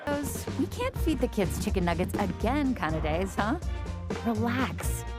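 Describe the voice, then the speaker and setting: A woman's voice: mid-range voice, sing-song, a little slow. A woman reading an upbeat, conversational food commercial in a chipper way. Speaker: advertisement voice-over. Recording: music bed behind voice.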